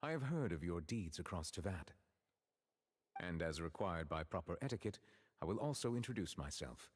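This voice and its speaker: Un juge grave et très courtois. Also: male voice, low voice, big pitch swings, slightly rough, exaggerated voice. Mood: courteous, calm. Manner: formal, courteous, measured. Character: dignified, reserved male chief justice. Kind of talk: video game voice acting. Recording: game audio with faint hiss and long reverb.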